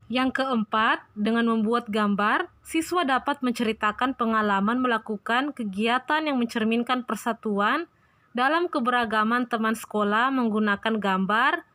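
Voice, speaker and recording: Woman teacher explaining things slow and clear to little kids, bit high voice, dry close sound. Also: a bit bright, dry recording. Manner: slow, clear, instructive reading. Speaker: primary school teacher. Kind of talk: online lesson for young children.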